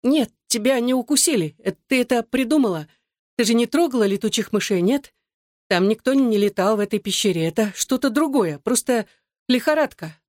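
Woman reading a panicky girl, higher pitched, quick and pushing, dry sound. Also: animated, darkish tone, no room sound, close to an everyday voice. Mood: anxious coaxing. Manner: urgent, pushing. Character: scared, insistent young girl.

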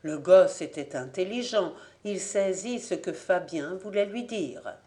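A woman narrating an audiobook in a measured, clear storytelling manner. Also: mid-range voice, a little mellow. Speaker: audiobook reader. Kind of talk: scripted narration.

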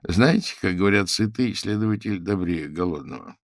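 Unflappable rector, placid and hospitable; male reader, deep and gravelly. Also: animated, normal speed, no echo, clean studio sound. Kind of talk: audiobook character reading.

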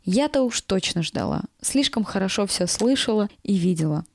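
A woman reading a first-person story aloud in a steady, even storytelling manner. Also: mid-range voice, moderate pace, dry recording. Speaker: narrator. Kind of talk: first-person audiobook narration.

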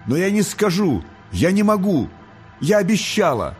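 A man reading an audiobook, voicing a gentle, timid young girl angel who pleads and frightens easily. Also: high voice, very animated, normal speed, faint music behind, pitched above the performer's own voice. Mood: frightened.

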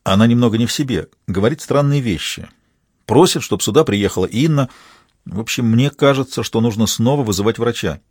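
A man's voice: mid-range voice, expressive, brisk, a little mellow, slightly rough, dry recording, clean studio sound. A man reading an audiobook, voicing a gloomy, curt wealthy man who answers firmly and shortly. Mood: sullen.

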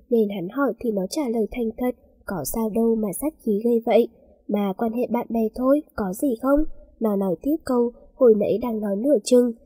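A woman narrating a story aloud in a steady, plain reading voice. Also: on the high side, slightly rough, no echo, low-quality recording.

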